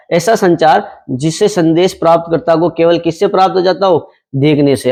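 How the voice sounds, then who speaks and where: A man's voice: fairly high pitch, creaky, a little mellow. A young man teaching a class, explaining exam topics in a conversational way and asking the students questions that he then answers himself.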